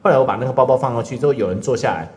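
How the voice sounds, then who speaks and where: A middle-aged man co-hosting a casual chat podcast, gentle and agreeable, often laughing. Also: medium pitch, racing. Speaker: podcast co-host.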